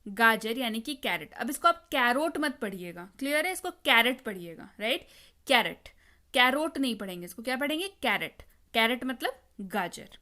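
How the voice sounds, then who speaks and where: A woman's voice: sits high, sharp tone. A woman teaching vocabulary in a video lesson, explaining patiently, repeating words and quizzing the viewer. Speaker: English teacher.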